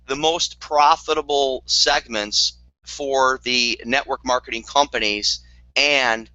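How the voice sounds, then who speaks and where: A man's voice: mid-range voice, slow pace, pushed and bright, no room sound. A man giving a motivational network marketing talk, earnest and repetitive, with dry sarcastic asides, on a dull lo-fi recording.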